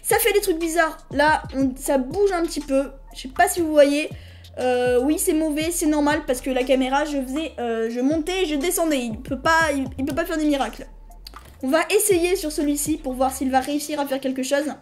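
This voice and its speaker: A woman hosting a casual screen-recorded software tutorial. She talks in a chatty, hesitant way, restarts her sentences and apologizes to viewers now and then. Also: high voice, normal speed. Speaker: tutorial host.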